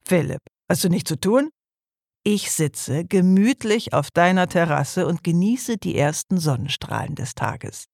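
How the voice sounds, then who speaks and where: A man voicing a relaxed forensic pathologist who teases his friend. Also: high voice, unhurried, vocal fry, dry recording, clean studio sound, heavily acted. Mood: teasing.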